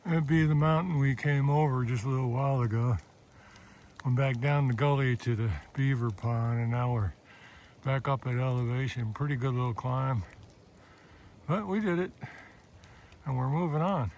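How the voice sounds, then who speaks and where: Easygoing man, mellow voice, filming himself outdoors on a trail with a handheld camera. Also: mid-range voice, fairly even intonation, normal speed, a little hiss or hum, low-quality recording. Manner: easygoing, plainspoken, frequent ums. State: out of breath. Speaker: hiking vlogger. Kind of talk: casual vlog narration on the trail.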